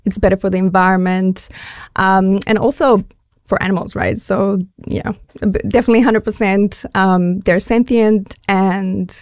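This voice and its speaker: A woman's voice: mid-range voice, fairly even intonation, moderate pace, darkish tone, clear, resonant tone, no echo, studio quality. A woman in her forties from Bulgaria, a guest on a radio interview, talking in an upbeat, earnest way. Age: 40s. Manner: upbeat, earnest, with many fillers. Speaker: magazine editor, pageant finalist.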